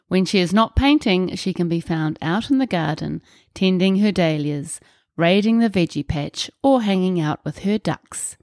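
A woman hosting a podcast interview, her voice a little low and recorded close in a dry room. She reads her introduction smoothly, then slips into relaxed, friendly conversation. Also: normal speed, no room sound. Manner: warm scripted introduction, then relaxed chat. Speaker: podcast host.

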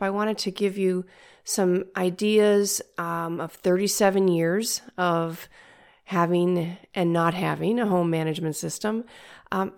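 Older female podcast host, nasal and congested, mid-range pitch, measured and instructive delivery for a coaching monologue. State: stuffed-up head from illness.

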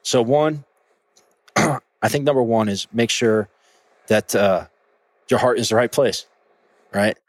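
A man's voice: mid-range voice, slow pace, pauses often, no echo. A man, a shooting instructor, talking earnestly in a casual podcast conversation, often restarting his words.

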